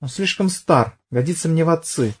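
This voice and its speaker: A man's voice: on the high side, expressive, moderate pace, slightly rough, pitched above the performer's own voice. A man voicing a defensive young woman. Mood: evasive. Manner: evasive, hesitant, bursts out angrily.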